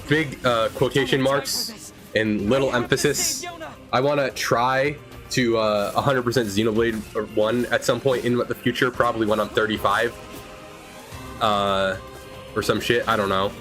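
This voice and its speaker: Young man streaming a game, rambling casual chat, mid-pitched voice, faint game music behind. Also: fairly even intonation, unhurried, a bit bright. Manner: rambling, chatty, self-correcting.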